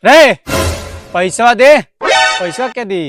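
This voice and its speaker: A man's voice: extremely high pitch, expressive, drawn-out words, over loud music, full character voice. A man playing a quarrelsome village toddy seller in a Bhojpuri-accented comedy skit. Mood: indignant. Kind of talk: rural comedy skit acting.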